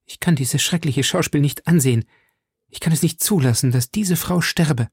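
A man reading aloud and voicing a young, softhearted musketeer who speaks earnestly. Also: a little high, expressive, a little fast, husky, no echo, clean studio sound, voice pushed up.

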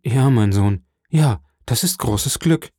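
A man reading an audiobook, voicing a frail, gentle old father who speaks softly and wearily. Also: medium pitch, lively intonation, slow, breathy edge, dry recording, clean studio sound, exaggerated voice. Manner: soft, weary, hesitant. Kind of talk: audiobook character voice.

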